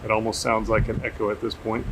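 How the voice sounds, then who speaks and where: This drone tester speaks quickly in a gravelly, fairly low voice as he hosts a casual field test, chatting unscripted into a camera microphone. He's outdoors under an open shelter at an airfield, and the noisy camera audio carries a constant hum.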